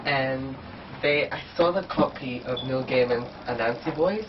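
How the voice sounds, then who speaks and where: Heard through a dull camera mic placed at a distance, a congested male vlogger takes his time chatting about a book haul. His voice is mid-range and nasal from a cold, and background noise runs underneath.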